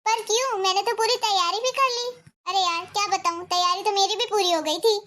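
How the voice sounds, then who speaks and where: A woman's voice: very high voice, fairly even intonation, brisk, sharp tone. A woman voicing a worried young wife confiding to a friend in a cartoon story.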